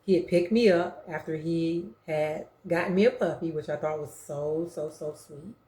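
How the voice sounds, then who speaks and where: A middle-aged woman tells her own story in a blunt, slangy way, acting out what others said. Her voice sits a little low, with a soft, mellow tone. The room around her has a noticeable echo. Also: moderate pace. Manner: frank, slangy and animated, acting out quotes. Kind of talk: confessional storytelling. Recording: roomy echo.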